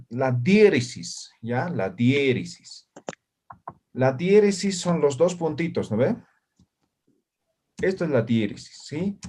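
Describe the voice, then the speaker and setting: Slow, lively-pitched male teacher. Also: a little hiss or hum. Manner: checks in constantly with short questions to students. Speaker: language teacher. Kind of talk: classroom lesson. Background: students answering in the room.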